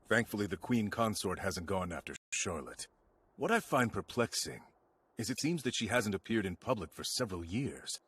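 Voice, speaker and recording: A man voicing a calm king and father in an anime English dub, speaking in a measured, explanatory way. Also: fairly low pitch, background noise, close to an everyday voice.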